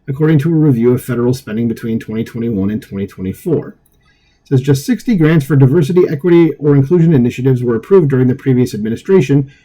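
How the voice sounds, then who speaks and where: A man with a mellow, mid-range voice, a political commentary host, reads a news piece aloud at home. He breaks in with sarcasm now and then and sometimes trips over words. The recording is low quality.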